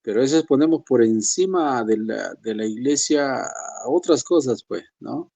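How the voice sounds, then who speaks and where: A man in a pastoral teaching session speaks with a warm, mellow tone. He talks to the congregation in a conversational way, calling them brothers, and now and then mimics the excuses of believers. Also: lively intonation, measured pace, creaky. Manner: conversational, addresses listeners as brothers; acts out believers' excuses in a higher voice.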